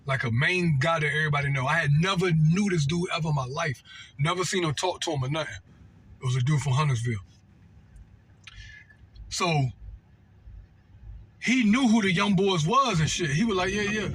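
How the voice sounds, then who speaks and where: With a slightly high, fairly bright voice at a moderate pace, broken by long pauses and accompanied by a little hiss or hum, an American vlogger tells a personal story off the cuff. He's slangy and repetitive, often asking "right?" or "know what I mean" to be sure the listener follows.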